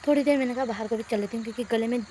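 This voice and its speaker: A woman's voice: on the high side, rapid-fire, dark tone, slight background noise. A young woman from the hills of Uttarakhand vlogging casually about her village day while she has a cold and a sore throat. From Uttarakhand hills, India. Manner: chatty, talks to her viewers and coos at her cats. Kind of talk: casual vlog chat.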